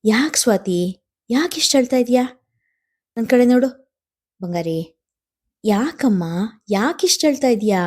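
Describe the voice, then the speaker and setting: A woman's voice: on the high side, expressive, moderate pace, long pauses, darkish tone, husky, pitched above the performer's own voice. A woman voicing a young man in love who talks in an affectionate, coaxing way while feeling torn by his duties. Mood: tender. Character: young man, tender lover under family burden.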